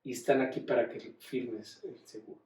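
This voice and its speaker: A man as a hesitant, polite grown son; soft delivery, recorded off-mic in a roomy space. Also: mid-range voice, steady tone, moderate pace, pitched below the performer's own voice, close to an everyday voice. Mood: apologetic. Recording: roomy room, distant mic.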